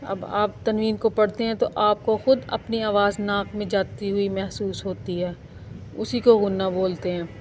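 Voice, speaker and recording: A woman's voice: mid-range voice, flat delivery, moderate pace, a little hiss or hum. A woman teaching Quran recitation rules in a patient, step-by-step lesson, drawing out each sound. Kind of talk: slow step-by-step tajweed lesson.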